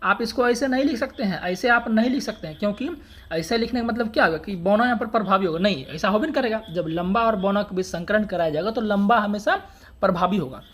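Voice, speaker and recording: A man's voice: high voice, quick pace, fairly bright tone. Male teacher drilling with self-answered questions. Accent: Hindi dialect words (बड़का, छोटका). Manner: rhetorical questions answered himself, repeating key terms. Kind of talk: exam-prep science lesson.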